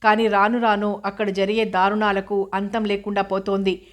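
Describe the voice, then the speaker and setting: A woman reading the part of a resolute older female cook who speaks in a steady, firm, solemn way. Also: mid-range voice, normal speed, natural voice.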